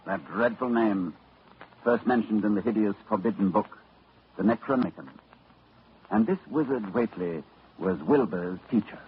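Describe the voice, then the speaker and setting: A man's voice: lowish voice, moderate pace, long pauses, slight background noise, natural voice. An actor narrating as a learned, grave man in a 1940s-style radio horror drama, telling the tale dramatically. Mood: solemn. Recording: dull old radio broadcast with music.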